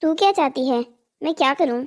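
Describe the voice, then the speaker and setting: A woman's voice: sits high, expressive, fairly quick. A woman voicing Rekha, a boastful rich wife. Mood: teasing. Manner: teasing, condescending. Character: wealthy, boastful village wife. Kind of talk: cartoon drama voicing.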